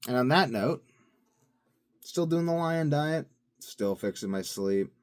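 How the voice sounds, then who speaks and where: In a smooth, medium-pitched voice with lively intonation, a vlogger takes his time in a rambling monologue to his channel. He muses freely, drifting between topics and leaning on fillers.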